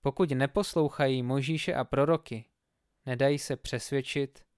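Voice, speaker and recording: A man voicing Abraham, a calm old patriarch who speaks in a steady, measured, fatherly way, in a Bible story reading. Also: medium pitch, clear, resonant tone, no echo, studio quality, lightly acted. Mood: grave.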